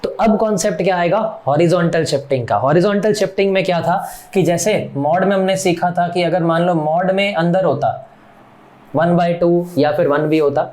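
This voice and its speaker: A man's voice: moderate pace, a little mellow. Man teaching math on a whiteboard. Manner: explains step by step, asks the class rhetorical questions; counts off axis numbers in a low voice while drawing. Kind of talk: recorded whiteboard lecture.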